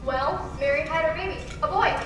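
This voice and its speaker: A young woman with a high, natural voice reads scripted narration at a normal pace, playing the storytelling heavenly narrator of an old-fashioned radio play. Her mood is solemn. The sound is echoey and from a live stage, picked up by a distant mic with music in the background.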